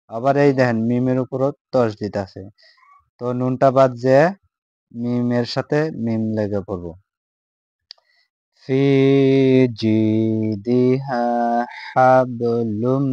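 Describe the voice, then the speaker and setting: A man teaching Quran reading, slowly chanting verses letter by letter, then explaining quickly in Bengali. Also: medium pitch, darkish tone, no room sound, dull audio. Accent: Bangladeshi Bengali. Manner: drawn-out chanted recitation alternating with quick explanations. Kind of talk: slow recitation lesson, spelling letters and vowel marks.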